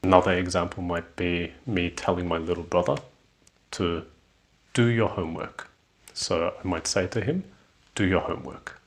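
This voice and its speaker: A young man with a low, deep voice teaches English intonation. He talks slowly and deliberately, stretching out his example phrases so each rise and fall is easy to hear. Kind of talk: scripted English lesson.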